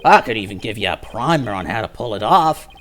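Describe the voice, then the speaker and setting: A man's voice: on the low side, animated, brisk, a bit bright, faint music behind, voice pushed down. A man voicing a cocky small-time pickpocket in a video game, with folksy street slang and dropped consonants.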